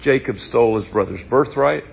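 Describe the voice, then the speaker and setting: A man preaching a sermon in church, reading scripture and adding relaxed, conversational asides about everyday life. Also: medium pitch, fairly quick, vocal fry, slightly rough, muffled recording.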